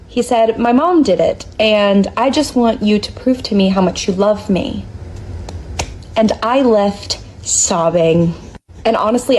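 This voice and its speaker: A woman's voice: mid-range voice, darkish tone, a little hiss or hum, poor audio. A woman calling in for advice, telling her story in an earnest, distressed way. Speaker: caller asking for advice.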